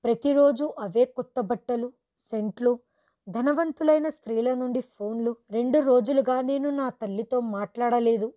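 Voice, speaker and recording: Woman reading a story out, steady n earnest, voice a bit high. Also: normal speed. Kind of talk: scripted first-person story narration.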